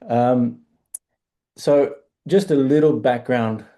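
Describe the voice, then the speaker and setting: A middle-aged man with an Australian accent, speaking as a panelist in an online discussion in a halting, self-deprecating way. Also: mid-range voice, mellow. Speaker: panelist, stove enterprise founder.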